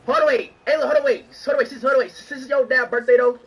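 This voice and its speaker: High-voiced, excitable male streamer. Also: racing, husky, recorded from a distance. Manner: excitable, brash, repeats himself. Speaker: livestreamer. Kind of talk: casual livestream chat.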